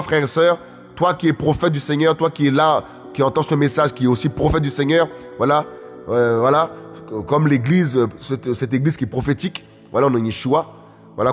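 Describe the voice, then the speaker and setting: A man preaching a sermon emphatically, repeating phrases and calling out to his listeners. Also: a little high. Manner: emphatic, repetitive, often calls out to listeners. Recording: faint music, long hall reverb.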